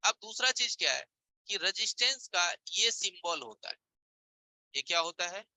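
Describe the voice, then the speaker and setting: Man teaching with a very bright voice. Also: sits high, animated, moderate pace, no echo, low-quality recording. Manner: explains with everyday examples and asks rhetorical check-in questions. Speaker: mobile repair teacher. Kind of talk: live online class. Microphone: voice-over on a screen-share stream.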